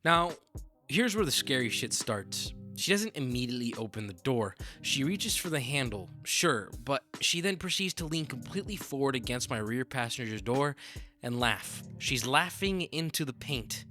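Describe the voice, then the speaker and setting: A man's voice: medium pitch, lively intonation, normal speed, sharp tone, soft background music. A man narrating a story in a conversational, offhand manner with sudden upward swoops. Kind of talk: reading a story aloud.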